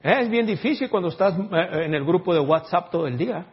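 A preacher delivers a sermon, voicing little back-and-forth dialogues and dropping in English words. His voice is husky and sits a bit high for a man. The recording sounds dull and lo-fi. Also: fairly quick. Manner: lively, acts out quoted dialogue.

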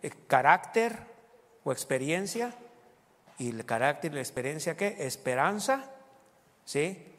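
A man's voice: on the high side, sing-song, a little slow, long pauses. Man preaching in an echoing hall. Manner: preaching, reads scripture aloud and explains it, rising to loud exclamations. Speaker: pastor. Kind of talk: sermon.

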